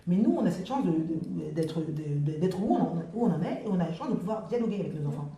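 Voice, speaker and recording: Earnest middle-aged woman, dark and quick. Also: fairly low pitch, expressive. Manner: earnest, repeats words while searching. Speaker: panel guest. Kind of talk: casual discussion. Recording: roomy echo.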